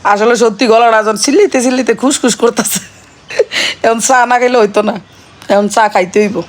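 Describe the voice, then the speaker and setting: A middle-aged woman, hoarse from shouting, playing a nagging mother-in-law in a playful family skit. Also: fairly high pitch, steady tone, moderate pace. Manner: scolding and nagging in character, then chatty.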